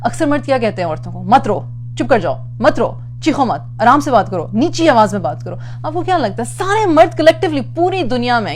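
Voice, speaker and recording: A woman giving an emphatic parenting talk, repeating phrases for stress and mixing in English words. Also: on the high side. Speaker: parenting speaker. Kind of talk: lecture on parenting.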